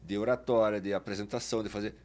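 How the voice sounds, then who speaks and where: A man hosts a casual podcast interview. His voice sits fairly low, and he asks his questions in an easy, conversational way. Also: steady tone, fast talker, a little mellow. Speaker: podcast host.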